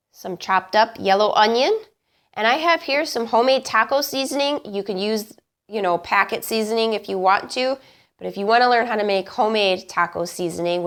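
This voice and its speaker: A woman's voice: medium pitch, a bit bright. Congested, honking woman hosting a cooking show. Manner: chatty, emphatic, informal. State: congested, honking voice from getting over bronchitis. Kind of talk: casual recipe demonstration to camera.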